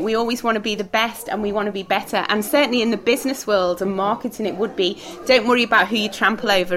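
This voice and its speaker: This is a church group talk with discussion, led by a woman whose voice sits on the high side with a fairly bright tone. She chats casually, laughs a lot, and asks the room questions while background noise carries on.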